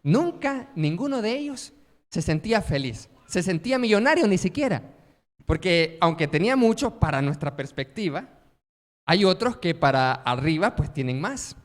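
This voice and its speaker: Man, pastor, high voice, sermon with acted-out quotes, long church reverb. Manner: storytelling with quoted voices, rhetorical questions.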